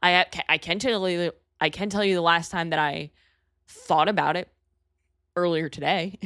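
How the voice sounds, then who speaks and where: A woman's voice: fairly low pitch, a bit bright, clear, resonant tone, no echo, clean studio sound. A woman in her thirties from New York, hosting her own podcast in a candid, chatty way with casual fillers. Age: 30s. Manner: candid, chatty, self-deprecating with frequent "like" fillers. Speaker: podcast host. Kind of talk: solo podcast talk.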